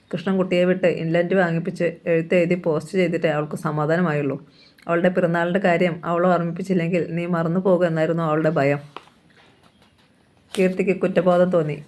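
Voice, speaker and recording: A narrator reading a novel aloud in a steady manner. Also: medium pitch.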